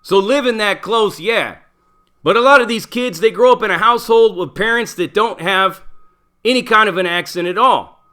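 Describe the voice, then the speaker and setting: A man's voice: high-pitched, normal speed, bright, forceful tone. A middle-aged man, a former prisoner, talking bluntly in a casual monologue full of profanity and street slang. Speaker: channel host, former prisoner.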